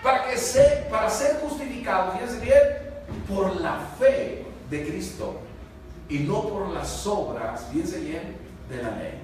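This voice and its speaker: A man, a pastor preaching a sermon emphatically, swinging between loud rises and low hushed lines, often asking the congregation for agreement. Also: sing-song, slow, a little hiss or hum. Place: church hall. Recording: echoey church from far off.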